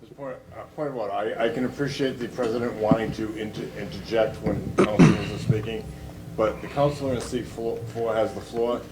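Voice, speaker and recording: A man speaking as a city councilor in formal procedural debate, persistent and deliberate, sometimes off-mic in a chamber. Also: on the low side, a loud crowd, poor audio.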